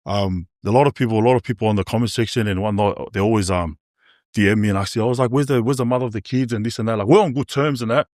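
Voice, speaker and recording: A man's voice: on the low side, very fast, darkish tone, no room sound, clean studio sound. A man, giving a candid, slangy personal testimony in a casual podcast chat, often saying bro and man. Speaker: podcast guest.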